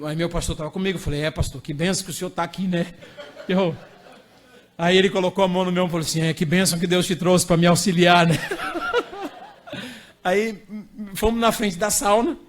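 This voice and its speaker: A middle-aged Brazilian man, an evangelist preacher, telling a lively anecdote in a sermon and acting out the dialogue. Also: high-pitched. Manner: animated storytelling, acting out dialogue with laughter.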